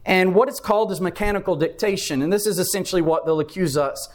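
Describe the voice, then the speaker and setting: A man's voice: high-pitched, quick pace. A man preaching a Bible class sermon, explaining step by step and repeating key phrases for emphasis.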